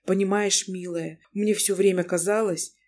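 A frightened, remorseful young husband who pleads and frets, read by a woman in an audiobook reading. The voice stays near the reader's own middle pitch, anxious and imploring. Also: steady tone, normal speed, a little mellow, natural voice. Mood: pleading.

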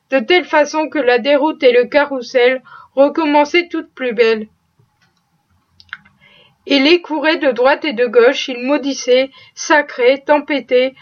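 A woman reading a classic novel aloud as audiobook narration, steady and expressive. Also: high voice. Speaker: audiobook reader. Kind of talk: scripted narration. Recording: dull lo-fi recording.

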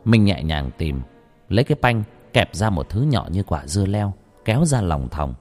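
A man narrating a ghost story in a dramatic, expressive storytelling manner. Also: sits low, normal speed, soft background music.

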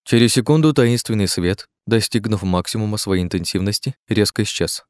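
A man narrating an audiobook in a steady reading voice, raising his pitch for the characters' lines. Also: a little fast, clean tone, no echo, clean studio sound. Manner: reads steadily, shifts pitch for dialogue.

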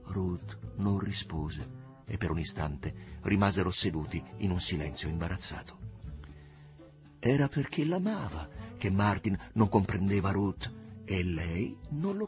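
Man narrating a novel with animated pitch. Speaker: audiobook narrator. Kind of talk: scripted literary narration.

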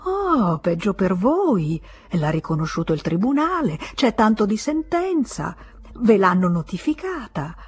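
A woman reading an audiobook voices a scheming male merchant-moneylender, sly and cold, with a drawn-out, falsely polite, mocking manner. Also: mid-range voice, very animated, husky.

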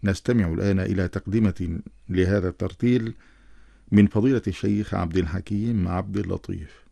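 A man's voice: low voice, steady tone, a little fast, creaky, dark tone, no echo. A man making a formal, solemn announcement on the radio. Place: radio studio.

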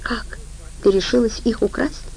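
Frightened, hesitant young woman, voiced by a female narrator; husky-gravelly warmth. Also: fairly high pitch, steady tone, moderate pace, pitched above the performer's own voice, poor audio. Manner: hesitant, pleading.

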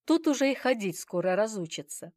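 Voiced by a woman, a poised young mother from an audiobook, cool and self-assured with dry amusement. Her delivery is animated and the sound is dry and close. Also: mid-range voice, fairly quick, no room sound, pitched above the performer's own voice. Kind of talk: audiobook character reading.

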